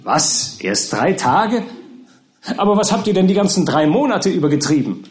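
A man voicing a warm-hearted elderly gentleman, eager and fond, quick to wonder. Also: mid-range voice, lively intonation, lightly acted. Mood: delighted.

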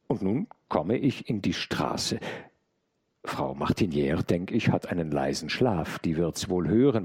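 A man's voice: deep voice, darkish tone, slightly rough, full character voice. A man voicing an honest male servant who tumbles out his words in a flustered rush.

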